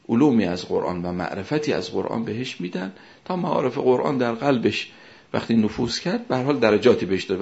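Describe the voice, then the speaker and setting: A low, gravelly male voice delivering a sermon, leaning hard on key words, then falling back and going quiet. The recording sounds dull and lo-fi. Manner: emphatic, rises and falls sharply in loudness. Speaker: cleric.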